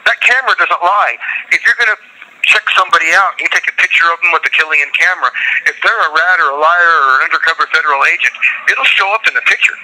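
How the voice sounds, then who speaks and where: A man's voice: a little high, quick pace, sharp tone. A man calling in from prison over a phone line, rambling from one claim to the next in casual conversation. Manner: rambling, jumps between claims.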